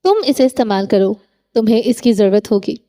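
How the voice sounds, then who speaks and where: A brooding young man with a curt, cutting way of talking, read by a woman narrator. The voice sits fairly high and soft, dark and mellow in tone. Storybook romance reading. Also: lightly acted. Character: brooding bitter young man, wealthy hero.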